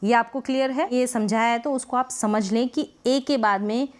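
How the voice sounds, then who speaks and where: A woman's voice: a little high, fairly even intonation, moderate pace. A woman teaching beginners to read English, patiently repeating each point and asking herself rhetorical questions. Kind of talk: explaining phonics lesson in Hindi.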